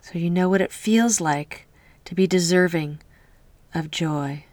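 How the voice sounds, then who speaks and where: A woman leading a guided healing meditation in a soft, slow voice that often drops to a whisper, speaking close to the mic. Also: lowish voice, dry recording.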